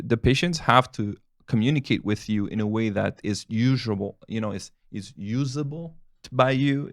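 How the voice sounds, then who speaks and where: Answering questions to camera, this thirtysomething family doctor whose first language is Spanish rambles casually, restarting sentences and chuckling along the way. His voice is lowish, and the recording is dry and clean, studio quality.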